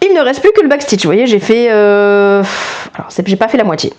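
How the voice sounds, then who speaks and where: A woman's voice: mid-range voice, lively intonation, brisk, darkish tone, muffled recording. A woman vlogging casually about her cross-stitch projects on a lapel mic, chatty and self-mocking, with many restarts. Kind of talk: casual chat.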